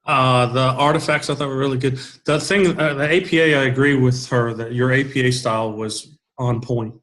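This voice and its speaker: A man's voice: medium pitch, fairly even intonation, normal speed, a bit bright. A man giving casual, encouraging peer feedback on a video call, rambling with many restarts. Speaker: peer reviewer.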